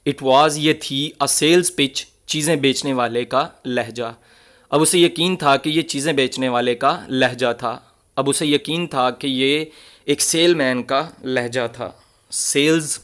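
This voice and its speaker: A man's voice: mid-range voice, fairly bright tone. A man teaching English. He reads a textbook line by line, translates each phrase, repeats it with several synonyms and corrects pronunciation.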